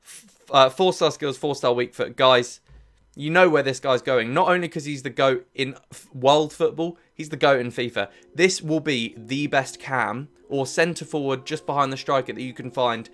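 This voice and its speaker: A man's voice: medium pitch, moderate pace, fairly bright tone. A young man giving enthusiastic, emphatic commentary as a gaming YouTuber ranking cards on a tier list. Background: faint background music.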